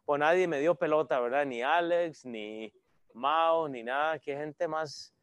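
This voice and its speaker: A man's voice: on the high side, a little slow, smooth, no room sound. A man preaching a conversational sermon to an online audience, reading verses aloud and joking with viewers. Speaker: pastor.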